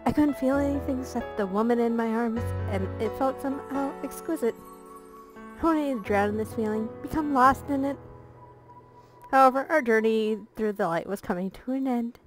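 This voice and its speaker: A woman narrating a visual novel let's play aloud, her voice slightly high. She reads the story playfully and keeps breaking off for jokey asides. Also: normal speed, over music, rough recording.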